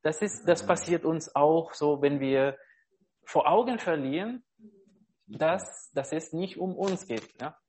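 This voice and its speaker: A man giving an informal devotional sermon, earnest and halting, often searching for words and checking in with his listeners. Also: a little high, a little mellow, breathy edge. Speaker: preacher.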